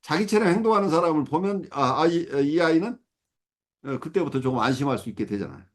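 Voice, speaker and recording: A man's voice: fairly high pitch, animated, fast. A middle-aged man supervising a case, explaining step by step with many fillers and self-corrections. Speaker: psychoanalysis supervisor. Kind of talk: explanatory teaching talk.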